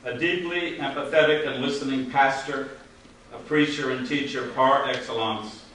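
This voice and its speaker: A man's mid-pitched voice comes from far off in a very reverberant room with some noise. He formally introduces a guest speaker, reading from a prepared tribute. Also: normal speed, a bit bright. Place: large echoey room, far from microphone. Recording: very echoey, distant, noisy hall.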